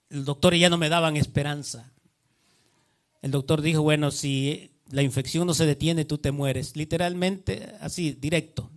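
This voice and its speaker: A man giving an earnest testimony sermon, often repeating himself and quoting others in dialogue. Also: a little high. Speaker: preacher.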